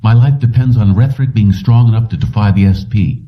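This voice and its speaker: In an audiobook, a man voices a determined, calculating fugitive, insisting on his point and explaining himself with light acting. His voice is lowish and fairly quick, picked up on a distant mic with dull audio.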